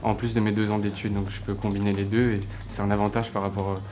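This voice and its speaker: A young man, a work-study student, explains his schedule in a testimonial with steady but slightly hesitant speech. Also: fairly low pitch, fast, slight background noise. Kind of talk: testimonial interview.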